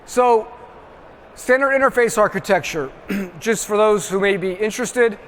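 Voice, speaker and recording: A man giving an emphatic trade-show presentation, tagging his points with quick check-ins to the audience. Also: high voice, fairly bright tone, slight background noise. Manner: emphatic, constantly checks in with "right?". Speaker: industry presenter. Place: large trade-show hall. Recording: reverberant hall with faint ambience.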